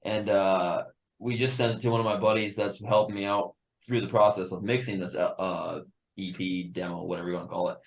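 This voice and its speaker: A man with a fairly low voice talks casually as a guest in a band interview. He is laid-back, laughs a lot and swears freely. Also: level tone, fairly quick, poor audio. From Upper Peninsula of Michigan.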